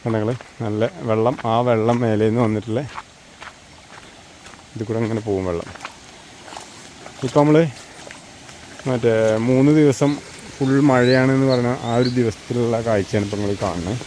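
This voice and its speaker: This man's mid-range, darkish voice moves at a moderate pace with fairly even intonation and frequent pauses. He's a vlogger with a Kerala Malayalam accent giving a casual walk-and-talk tour of hilly countryside, mixing English slang into Malayalam. The recording is rough, with clear outdoor rural background noise.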